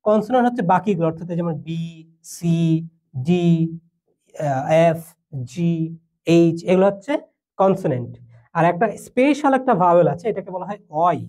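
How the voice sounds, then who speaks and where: Young male tutor from Bangladesh, higher voice, patient and explanatory, with frequent fillers. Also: animated, moderate pace, a little mellow. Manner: patient, explains step by step with fillers and mixed English. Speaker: English teacher. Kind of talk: classroom lesson explanation.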